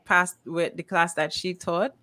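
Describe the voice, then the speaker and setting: A woman with a Caribbean accent hosts a casual livestream talk show like a podcast host, chatting, laughing often, and leaning on fillers like "um" and "you know." Her voice is fairly low, steady, bright and forceful, and she speaks a little slowly.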